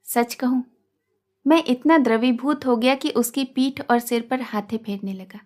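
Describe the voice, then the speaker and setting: A woman narrates a literary short story in an unhurried, expressive reading. Her voice sits fairly high, and she lets each line land slowly.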